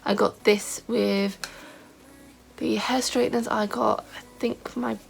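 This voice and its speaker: Unhurried and level in tone, a young woman with an on-the-high-side voice vlogs about beauty in a chatty, rambling way, sprinkling in plenty of "like." There's vocal fry and a scratchy quality to her voice today, plus faint music behind her.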